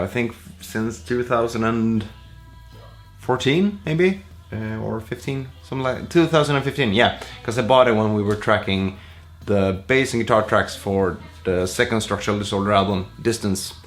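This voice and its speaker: A man, a musician, answering viewer questions in a relaxed, rambling way full of fillers. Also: fairly low pitch, moderate pace, faint music behind. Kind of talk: casual Q&A vlog.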